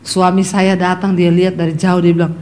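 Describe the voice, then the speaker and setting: A middle-aged woman preaching a sermon, telling lively stories about her family and acting out their voices as she addresses the congregation. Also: on the low side, fairly quick, a little hiss or hum. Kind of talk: sermon with personal anecdotes.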